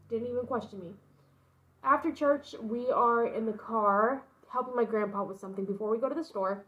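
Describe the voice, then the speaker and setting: A slightly high-pitched young woman chats to the camera about how she announced her pregnancy, rambling informally with lots of asides. The audio sounds dull.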